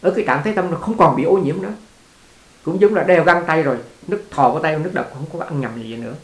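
A man's voice: on the high side, fast. A man teaching as a Buddhist teacher in a conversational dharma talk, repeating words and laughing along with his listeners. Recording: echoey room.

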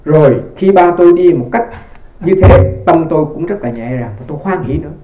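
A man's voice: on the high side, lively intonation, fairly quick, dark tone, reverberant. A man who is a Buddhist monk gives a conversational dharma talk. He tells stories in a rambling way and often restarts his phrases. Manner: rambling storytelling with frequent restarts.

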